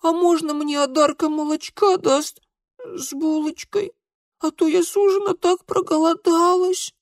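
A man's voice: very high voice, steady tone, unhurried, no echo, clean studio sound, pitched above the performer's own voice. A man voicing a plump little girl who whimpers pitifully. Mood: whiny.

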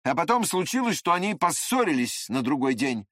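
A reader doing a feverish rambling prince. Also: male voice, a little high, big pitch swings, a bit bright, dry recording, clean studio sound. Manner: halting, rambling speech. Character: feverish, rambling nobleman, muddled and nervous.

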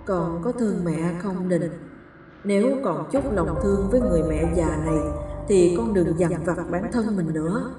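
A woman voicing the ghost of a frail old mother, speaking in a soft, faint, pleading murmur. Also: fairly low pitch, normal speed, very echoey, far from the mic, music in the background, close to an everyday voice. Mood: tender, grieving.

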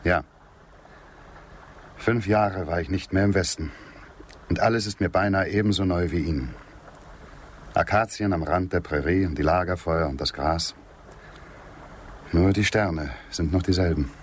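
An actor playing a courteous, gallant frontiersman of the Old West in intimate radio drama dialogue, polite, measured and gently wry. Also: low-pitched, a little hiss or hum. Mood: reflective, courteous.

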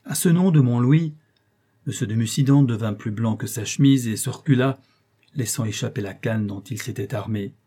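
Mellow, husky male audiobook narrator. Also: medium pitch, moderate pace. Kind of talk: scripted narration of a classic novel.

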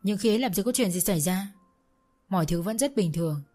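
A woman's voice: mid-range voice, expressive, fast, warm tone, soft background music, close to an everyday voice. Woman voicing a stammering wronged young wife. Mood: pleading. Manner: stammering, pleading, defensive. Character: wronged young daughter-in-law, anxious.

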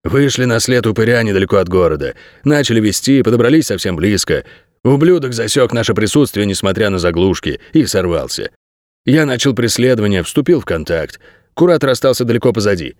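A man's voice: on the low side, lively intonation, brisk, darkish tone, no room sound, clean studio sound, lightly acted. Lenny, a man doing a brooding shepherd dog. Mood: gloomy. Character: lean male shepherd dog, gloomy and odd.

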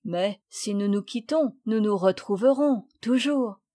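A woman voicing an earnest, brave older boy in a storybook reading, with a warm, protective manner. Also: medium pitch, unhurried, natural voice. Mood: tender.

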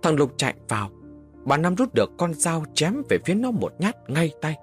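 A man's voice: on the high side, sing-song, normal speed, soft background music. A man telling a first-person horror story as an audiobook narrator, with dramatic, varied delivery.

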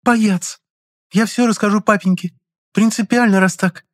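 A man reading an audiobook, voicing a principled, sharp-tongued young woman who speaks with biting indignation. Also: high-pitched, fairly even intonation, a little slow, pitched above the performer's own voice. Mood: indignant. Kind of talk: audiobook character voice.

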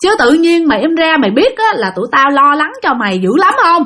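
A woman doing a man shouting in high alarm. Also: big pitch swings, brisk, heavily acted. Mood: coaxing. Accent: Southern Vietnamese. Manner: loud, pleading, scolding. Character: worried, shouting grown man calling a friend.

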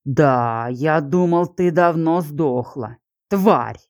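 A woman's voice: sits low, takes it slowly, darkish tone, no echo, studio quality. A woman voicing a snarling jailed male villain. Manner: snarling, spitting insults. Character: brutal male jailed villain, furious and vicious.

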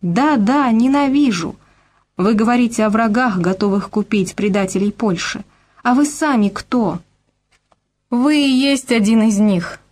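A woman's voice: mid-range voice, unhurried, darkish tone, natural voice. A woman reading an audiobook, voicing a passionate young Polish maid who speaks with raised emotion. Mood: fierce. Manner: pleading then fiercely accusing.

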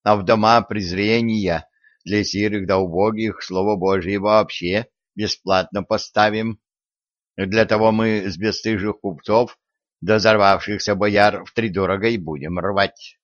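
A man voicing an elderly patriarch who speaks slowly in a measured, fatherly manner. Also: on the low side, steady tone, no room sound, lightly acted. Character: elderly male patriarch, calm, dignified, shrewd. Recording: dry, dull lo-fi audio.

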